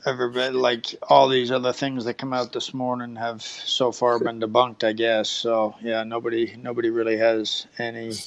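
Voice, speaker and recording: A man's voice: medium pitch, completely flat delivery, normal speed, creaky, hardly any pauses, lo-fi sound. A man co-hosting a casual chat over a video call, talkative.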